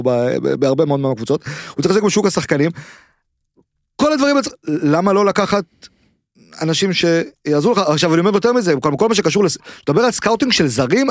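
A man's voice: a little high, big pitch swings, no echo, clean studio sound. A man, a sports journalist guest, explaining emphatically in casual chat, repeating his points and setting up hypotheticals.

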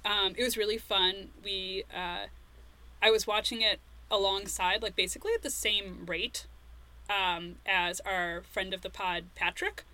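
Woman podcast co-host, bright tone, animated casual chat, filler-heavy. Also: mid-range voice, unhurried. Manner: animated, lots of "like", quoting herself.

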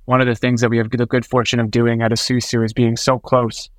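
Male startup founder, tech-guy conversational storyteller, flat intonation, dry recording. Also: medium pitch, brisk, dry recording.

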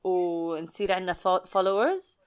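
A woman's voice: lowish voice, moderate pace, a crowd in the background. A woman with a Levantine Arabic accent chatting casually as a podcast co-host, switching between Arabic and English mid-sentence.

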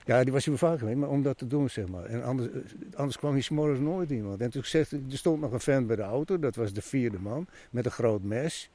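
A man, telling a story in an interview in an animated way and acting out what people said. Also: mid-range voice, a little fast, few pauses. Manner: animated storyteller, many restarts, acts out quotes.

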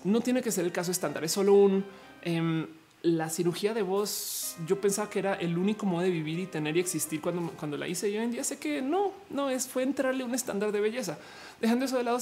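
A woman with a Mexican Spanish accent and a low, androgynous voice, chatting casually with viewers in a slangy, rambling way full of fillers. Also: a little fast, dark tone, soft background music. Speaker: streamer answering viewer comments. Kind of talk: casual chat.

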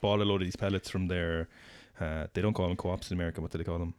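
Fast-talking low-voiced man. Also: fairly even intonation, darkish tone, clear, resonant tone. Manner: rambling, quick, many fillers. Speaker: podcast co-host. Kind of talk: casual chat.

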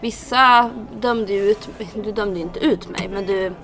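Chatty young woman, lively storyteller. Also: medium pitch, music in the background. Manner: chatty, animated storytelling with frequent fillers. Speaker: MMA fighter guest. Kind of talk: casual podcast interview.

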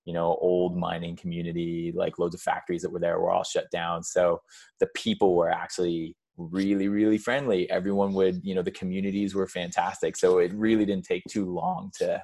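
Laid-back, very deep-voiced man. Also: level tone, a little fast, vocal fry, darkish tone. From California. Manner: laid-back, laughs often, says "like" and "dude" a lot. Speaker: podcast guest. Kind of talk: casual chat.

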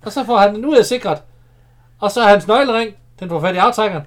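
A middle-aged Danish man in casual chat, telling army stories and swearing offhandedly. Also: sits high. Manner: chatty storyteller, swears casually. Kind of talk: casual chat about an old film and army days.

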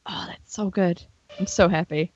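A woman's voice: fairly low pitch, steady tone, moderate pace, no echo, muffled recording. A woman co-hosting a podcast in casual chat, reacting with eager enthusiasm. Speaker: podcast co-host.

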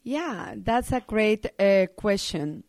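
A woman's voice: medium pitch, lively intonation, takes it slowly, a little mellow, no echo. A middle-aged woman from Colombia, a native Spanish speaker, talking earnestly as an interview guest, with many ums and uhs. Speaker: winemaker guest. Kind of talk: casual interview talk.

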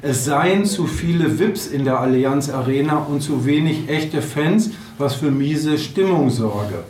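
A man's voice: on the high side, expressive, unhurried, a little mellow, slight background noise. A man reading from his book in a bar, with hesitations and fillers, sometimes breaking off into loose asides. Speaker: author giving a reading. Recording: roomy bar, distant mic, faint ambience.

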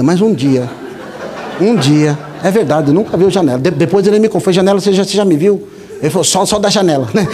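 High-pitched preaching man in echoing hall. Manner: animated, conversational, frequent rhetorical "né?". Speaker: pastor. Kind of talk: sermon with storytelling. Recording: long hall reverb.

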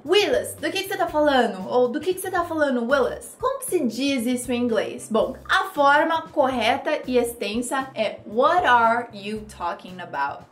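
Lively woman teaching English phrases. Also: a little high. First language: Portuguese. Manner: lively, drills phrases for repetition. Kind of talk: language lesson narration. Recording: roomy echo with faint music.

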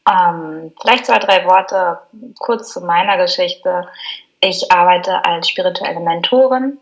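Woman guest from Germany, lowish voice, calm and earnest, muffled remote audio. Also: unhurried. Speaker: spiritual mentor, podcast guest. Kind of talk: podcast interview.

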